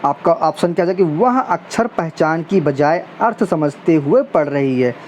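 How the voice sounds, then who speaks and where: A woman's voice: sits low, lively intonation, a little slow, darkish tone. A woman teacher reads out multiple-choice test questions and their options, then explains which answer is right, with a faint hiss behind her. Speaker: exam prep teacher. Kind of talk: reading and explaining quiz questions.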